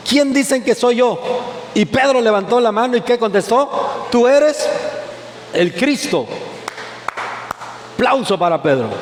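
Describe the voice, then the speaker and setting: A man preaching to his congregation in a high voice, asking questions and then answering them himself. He sounds like he's in a large, echoey church hall with a long reverb tail and faint room ambience behind him. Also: a little hiss or hum. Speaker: pastor. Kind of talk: sermon. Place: church sanctuary.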